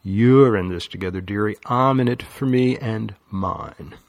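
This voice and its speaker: A man's voice: on the low side, unhurried. A man reading an audiobook, voicing a smug, scheming teenage boy who teases with a patronizing drawl. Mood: teasing.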